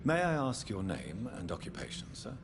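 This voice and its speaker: A man's voice: lowish voice, wildly swooping pitch, normal speed, background noise. An actor playing an earnest doctor who presses an old man with persuasive questions. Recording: game audio with loud background music.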